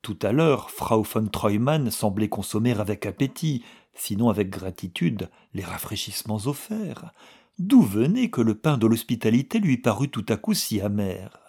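A man narrating a novel in a measured, even storytelling manner. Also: on the low side, husky. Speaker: audiobook reader.

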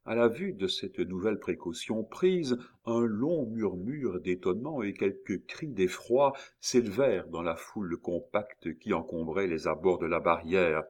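A male narrator reads a classic novel at a very unhurried, deliberate pace. His voice sits fairly low, and he slips in an occasional hesitant filler. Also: lively intonation. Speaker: audiobook narrator.

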